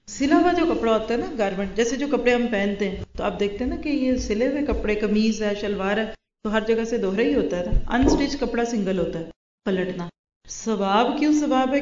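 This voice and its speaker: A woman's voice: medium pitch, darkish tone. A woman teaching a Quran lesson to a class of women, asking her listeners question after question. Her voice sits in the middle of the range. The recording is muffled and lo-fi, with a noticeable room echo. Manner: asks the class rhetorical questions. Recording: roomy, dull lo-fi recording.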